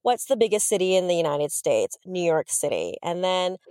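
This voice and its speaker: Woman, thirties, from southern california, podcast guest, lowish pitch, dry sound, animated storytelling. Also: normal speed, no room sound. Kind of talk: casual interview storytelling.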